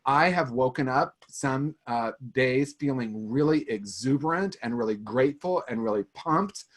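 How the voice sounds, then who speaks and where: A man's voice: mid-range voice, expressive, moderate pace. Earnest man on a webinar panel. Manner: earnest, gently encouraging.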